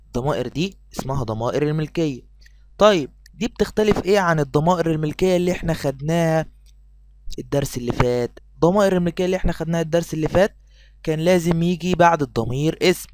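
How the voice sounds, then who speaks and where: A man's voice: a little high, rapid-fire, a little mellow, no echo. A man with an Egyptian Arabic accent teaching English to young children in a recorded lesson. He explains patiently, stretches out the English words and quizzes his pupils.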